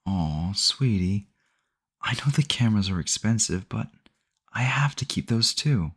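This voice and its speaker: Addressing the listener in an ASMR roleplay, a man performs an obsessive yandere boyfriend, a sweetly cheerful kidnapper who is possessive yet doting. His low voice is slightly bright and breathy, unhurried, animated, and heavily acted as he rambles close-up and earnestly justifies himself.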